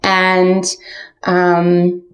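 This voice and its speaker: A woman's voice: on the low side, completely flat delivery, drawn-out words. A woman fortune teller doing a casual spoken tarot and oracle card reading, addressing the listener directly. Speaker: tarot reader.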